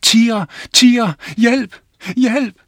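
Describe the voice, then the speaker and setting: A man voicing a bored, mischievous young village boy in a storybook reading, shouting and teasing. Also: a little high, animated, breathy edge, dry recording, studio quality, voice pushed up, full character voice.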